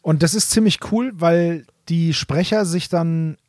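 A podcast co-host with a fairly high, slightly mellow voice chats casually and a little slowly about audio dramas with nostalgia. He explains carefully, often rewording his points, and the sound is close and very dry with no echo.

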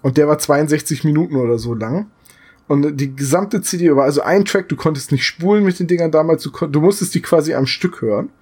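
A man's voice: fairly high pitch, brisk, darkish tone, husky. A man chatting casually as a podcast co-host, telling stories with amusement. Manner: chatty storyteller, retells jokes with amusement. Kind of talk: casual chat.

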